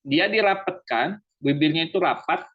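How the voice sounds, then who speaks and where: A man teaching Quran recitation in an online class. He explains each rule as question and answer and slows down to demonstrate the recitation. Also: fairly high pitch, expressive. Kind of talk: online tajwid lesson. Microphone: online class microphone. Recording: dull lo-fi online audio.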